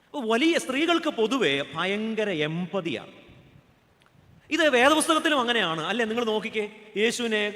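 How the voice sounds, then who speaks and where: A man's voice: high-pitched, very animated, moderate pace, sharp tone, big-room sound. A man, a pastor with a Keralan accent, giving a humorous sermon, joking and asking the audience questions. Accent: Keralan Malayalam.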